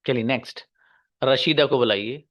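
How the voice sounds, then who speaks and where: A male teacher giving an online English grammar class, patiently repeating key slowly and calling on pupils one by one. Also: mid-range voice, a bit bright.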